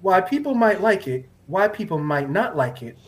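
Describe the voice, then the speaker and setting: A man's voice: sits high, very animated, moderate pace. A man hosting a podcast in casual chat, joking and profane and laughing often. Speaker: podcast host.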